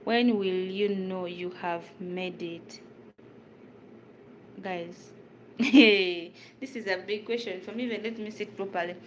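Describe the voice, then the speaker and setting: This vlogger is a young woman from Uganda, a native Luganda speaker with a Ugandan accent, chatting informally with viewers as she cooks. She speaks slowly in a steady, mid-range voice. There's noise in the home recording.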